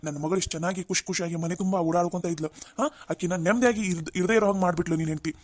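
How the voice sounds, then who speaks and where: A man's voice: high voice, fast. A man doing a stern lecturing cartoon father. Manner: blaming, lecturing. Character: stern middle-aged father, head of a well-off family. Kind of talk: cartoon family drama voice acting.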